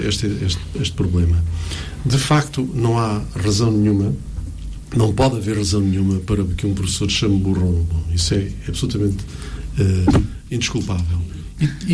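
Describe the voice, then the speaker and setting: Hesitant Portuguese male teacher, noisy background. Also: lowish voice. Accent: European Portuguese. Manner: hesitant, searching for words, emphatic repetition. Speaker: teacher, guest in discussion. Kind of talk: conversational explanation. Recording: clear background room noise.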